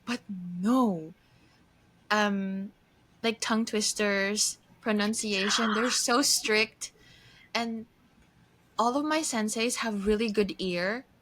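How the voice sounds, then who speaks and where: A Filipina woman in her early thirties who lives in Japan co-hosts a podcast, casually chatting with an old friend. Her medium-pitched voice is fairly bright, and she laughs often and speaks in quick bursts, restarting sentences. The audio is poor, with slight background noise.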